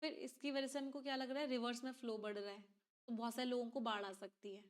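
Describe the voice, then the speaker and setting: Woman teacher quizzing her class, higher voice. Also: little pitch movement, fast. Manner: explains step by step, asks questions to the class. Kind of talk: exam reading-comprehension lesson.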